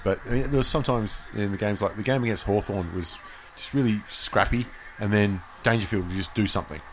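Low-voiced Australian man chatting footy. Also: brisk, a little hiss or hum, poor audio. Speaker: sports podcast host. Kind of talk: casual live football commentary chat.

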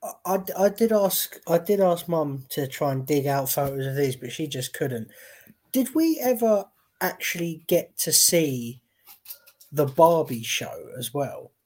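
A man co-hosting a travel podcast, casual chat with quick joking asides. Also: fairly high pitch, animated, a little mellow. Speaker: podcast co-host.

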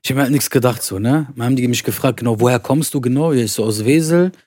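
A young man telling a story in casual chat, animated, acting out the lines of the people he quotes. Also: medium pitch, fast talker, no room sound, studio quality. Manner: animated, acts out interrogators' lines, says Bruder. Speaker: podcast guest telling his story.

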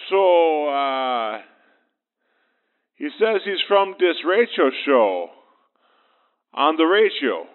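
A man leaving a rambling, halting voicemail over a landline phone, full of fillers. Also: on the high side, big pitch swings. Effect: heard over a landline phone. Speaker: phone-in caller. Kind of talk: voicemail message to a radio show. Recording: tinny phone line.

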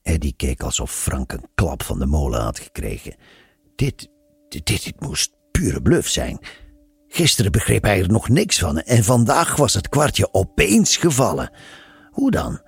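Deep, gravelly male storyteller, expressive pitch, soft music bed. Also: a little slow, no room sound. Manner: reflective, musing storytelling. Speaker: narrator. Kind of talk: scripted narration of a radio story.

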